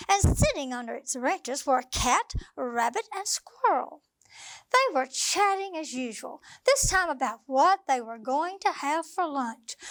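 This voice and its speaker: A children's librarian storyteller reads a bedtime picture book to young children in a high, sing-song voice, going very slowly and expressively. The recording is dry, close, and low-quality, with very little room sound.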